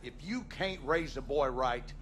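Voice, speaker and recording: An actor with a Southern US accent plays an abusive, bitter Southern husband and father in a dramatic video game, coarse and menacing with folksy cursing and furious contempt. His mid-range voice is unhurried and fairly bright, lightly acted, with a little hiss or hum.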